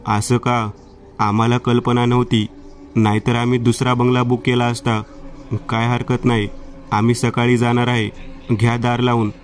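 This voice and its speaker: A man's voice: medium pitch, flat delivery, normal speed, natural voice. A man voicing a wary young man who turns down a stranger with firm, awkward refusals.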